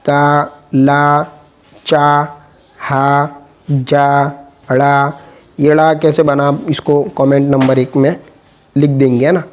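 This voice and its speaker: A man teaching Urdu reading, patiently sounding out letters and syllables one at a time in a slow, spelled-out lesson. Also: mid-range voice, a little mellow.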